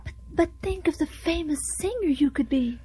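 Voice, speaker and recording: A woman's voice: sits high, expressive, moderate pace, mellow, a little hiss or hum, low-quality recording. A woman playing an impulsive young bride who also narrates the story, in radio drama style. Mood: pleading. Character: young woman Nina Virginia, eager, headstrong bride.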